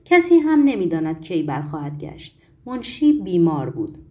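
Woman audiobook narrator, animated pitch, mellow timbre. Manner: expressive storytelling.

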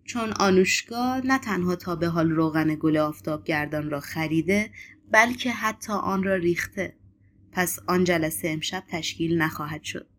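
A woman voicing a mysterious foreign man who talks in a calm, assured and cryptic way in an audiobook. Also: lowish voice, lightly acted.

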